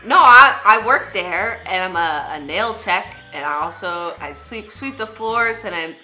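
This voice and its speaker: A young woman talks casually on a prank call. Her voice is bright and lively in pitch, at a middle height. She rambles through her explanations with a deadpan delivery. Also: a little slow, soft background music. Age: young adult. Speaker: prank caller and show host. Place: small indoor room, seated at a table.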